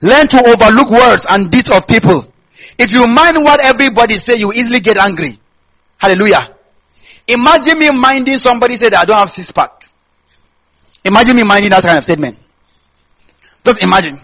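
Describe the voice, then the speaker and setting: Husky, high-pitched Nigerian preacher with Hausa accent. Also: male voice, animated, a little fast, pauses often, a bit bright, poor audio. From Kaduna State, Nigeria. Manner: conversational, repeats phrases, asks listeners to complete or confirm lines. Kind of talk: sermon to a congregation.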